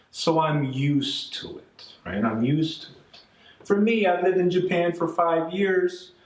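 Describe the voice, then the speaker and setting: Casting note: middle-aged man from Canada, English teacher, slow and animated delivery, echoey room, mic set back. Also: fairly high pitch. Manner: patient, repeats points, frequent "okay?" and "right?" checks. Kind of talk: classroom-style grammar lesson. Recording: echoey room, mic at a distance, faint music.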